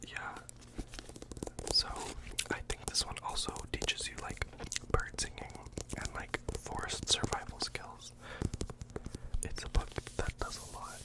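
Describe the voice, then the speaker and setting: Whispered role-play: deadpan librarian recommending books, fully breathy whisper, mock-earnest, slightly hesitant. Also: measured pace, pauses often, low-quality recording. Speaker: ASMR performer playing a librarian recommending books.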